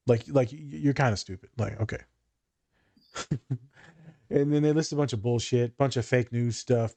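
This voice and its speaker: A man's voice: mid-range voice, mellow. A man co-hosting a podcast as a therapist, telling stories casually in candid, slangy, joking talk with plenty of swearing. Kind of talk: casual podcast chat, storytelling.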